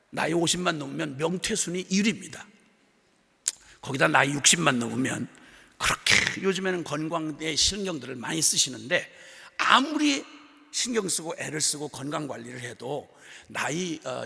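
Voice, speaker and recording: A middle-aged man delivers a sermon to a large revival crowd, mixing funny anecdotes with sudden loud bursts. His voice sits high and sounds bright and edgy. Long reverb from the big hall trails behind every phrase. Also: vocal fry, husky. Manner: humorous storytelling with sudden loud outbursts. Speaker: missionary preacher.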